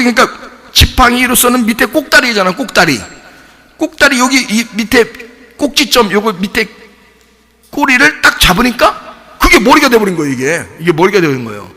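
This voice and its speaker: Male pastor, bright lively delivery, church hall reverb. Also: high-pitched. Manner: animated storytelling, acting out dialogue. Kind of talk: sermon. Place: church sanctuary.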